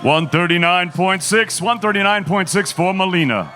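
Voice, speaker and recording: A man announcing fights theatrically as the host of a boxing weigh-in, with booming, drawn-out calls like a lucha libre announcer. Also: pushed and bright, soft background music.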